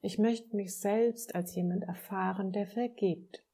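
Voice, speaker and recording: A woman's voice: medium pitch, steady tone, unhurried, creaky, mellow, husky. A woman voicing a small, childlike soul who is eager and restless in a storybook reading.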